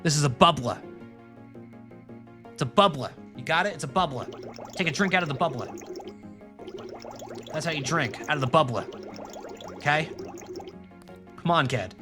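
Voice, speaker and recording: With music in the background, a slightly high-voiced man from Rhode Island, New England, chats to viewers and the screen during a casual let's-play. His delivery is lively, at a normal speed with frequent pauses, and he rambles and jokes throughout.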